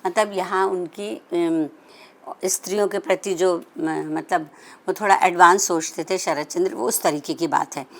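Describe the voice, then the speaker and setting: A woman storyteller reading a literary story aloud in a lower-pitched voice. She breaks off into casual explanatory asides and corrects herself mid-sentence, stopping to fill pauses. The delivery is unpolished and conversational. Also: steady tone.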